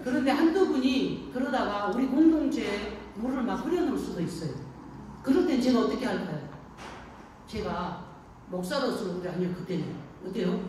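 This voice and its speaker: A woman's voice: medium pitch, expressive, moderate pace, a little mellow. Folksy woman pastor in an echoey hall. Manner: folksy storytelling, frequent call-and-response questions. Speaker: pastor at an elder care center. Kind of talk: sermon to elderly congregation. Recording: echoey room, distant mic, faint noise.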